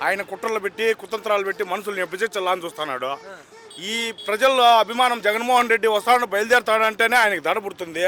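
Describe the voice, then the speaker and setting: A man's voice: sits high, very fast, pushed and bright. A man, a member of the public giving a heated, repetitive rant in a street interview. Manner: indignant, repetitive ranting.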